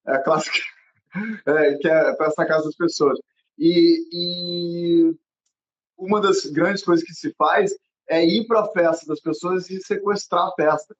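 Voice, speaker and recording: A young podcast host from Brasília, Brazil, runs a casual interview, rambling with lots of fillers and restarts and laughing often. His voice is a little high, a little slow and fairly even in intonation, captured in dull lo-fi audio.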